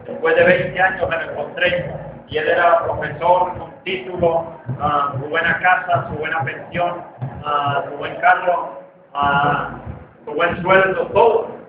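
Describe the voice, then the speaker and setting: Male pastor, high voice, fervent shouting sermon, recorded from afar in a boomy church. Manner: fervent preaching, often shouting. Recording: distant echoey church hall, lo-fi, noisy.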